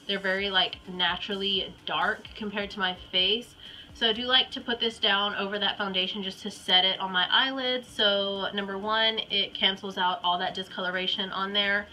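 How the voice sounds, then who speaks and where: In a rough recording, a young beauty vlogger with a Southern accent chats informally through a home makeup tutorial, her stuffy voice betraying a cold. She uses plenty of ums and likes, and her medium pitch sounds bright and forceful.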